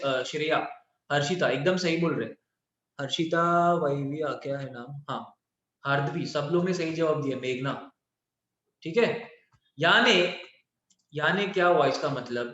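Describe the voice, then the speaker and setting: A man's voice: sits high, a bit bright. A man teaching a math class online, mixing Indian-accented English into Hindi and checking in often with his students. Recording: very echoey, dull lo-fi.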